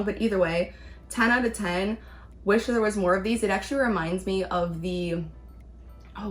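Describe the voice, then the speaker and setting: A woman chatting casually as she reviews things in a taste-test vlog. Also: on the low side. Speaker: vlog host, candy reviewer.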